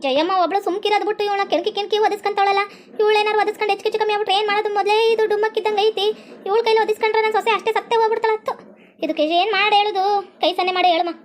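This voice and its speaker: A woman voicing a gruff, scheming older mother-in-law, scolding in a low voice. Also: fairly even intonation, racing. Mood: coaxing.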